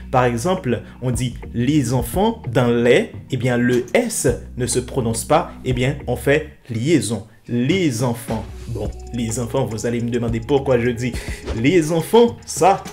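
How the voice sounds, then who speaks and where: Man teaching French pronunciation, lively. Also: mid-range voice. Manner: repeats example phrases, lively emphatic explanations. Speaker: French language teacher, channel host. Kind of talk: casual explanatory video lesson.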